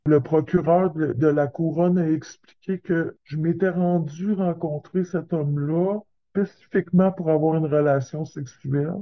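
A crime victim with a Québécois French accent testifies in a recorded news interview clip, her voice altered by a voice changer for anonymity. She sounds low-pitched and fairly even, speaking at a moderate pace with hardly any pauses, direct and indignant. The highs in the audio are cut off.

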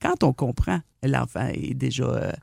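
A woman with a Québécois French accent giving parenting advice as a radio columnist, animated and explanatory, often acting out what a parent would say to a child. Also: rumbling low, unhurried, vocal fry, slightly rough, dry recording, studio quality.

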